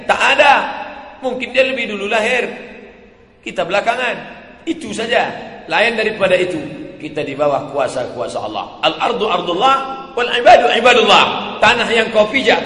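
A man's voice: high-pitched, bright, forceful tone. A man preaching a sermon with emphatic repetition, rhetorical questions and chuckling asides. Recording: echoey hall with long reverb.

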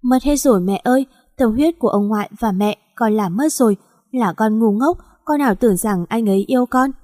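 A heartbroken young woman in despair, as a woman reads her in a storybook, tearful and pleading. The tone is mellow and dark. A long hall reverb hangs behind the voice. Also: a little high, fairly quick, clean studio sound, close to an everyday voice. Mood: grieving.

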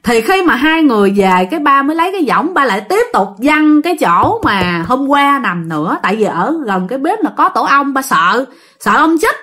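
A woman's voice: high-pitched, moderate pace. A woman telling a ghost story, speaking directly to her listeners. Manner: lively, addresses listeners directly. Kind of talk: spoken ghost story narration.

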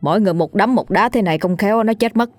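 Woman doing a calm, persuasive villager man. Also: medium pitch, racing, no echo, close to an everyday voice.

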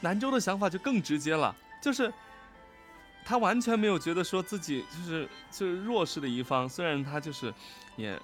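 A man with a slightly high voice co-hosts a casual livestream about an audio drama, talking animatedly and a bit fast. He's a voice actor, gushing as he chats live and often repeating his words of agreement, with faint music in the background.

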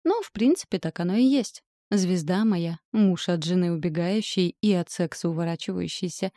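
A woman reads a first-person audiobook in a wry, steady voice. Her tone is low and mellow. The sound is close and dry. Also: normal speed, no echo. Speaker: audiobook narrator.

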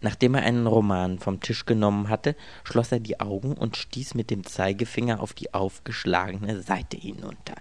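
A man reading a story aloud as its narrator, telling it in a wry, expressive way. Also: on the low side, moderate pace, hardly any pauses, no echo. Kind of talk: scripted audiobook narration.

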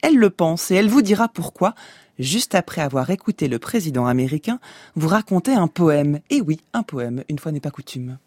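A woman hosting a radio show, presenting in a measured, articulate way from a studio. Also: sits low, sing-song, a little mellow, no room sound. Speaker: radio host. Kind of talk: scripted radio introduction and interview. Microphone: studio microphone.

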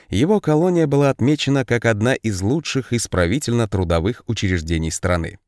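A male audiobook narrator with a low voice and animated, swinging intonation. He tells the story expressively in scripted narration. The recording is dry, with no room sound. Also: no room sound.

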